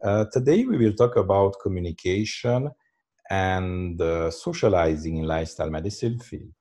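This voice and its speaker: A man from Belgium hosts a podcast and introduces his guest, pausing often on fillers. His voice is low and mellow. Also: lively intonation. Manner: halting, many fillers. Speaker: podcast host. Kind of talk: podcast interview.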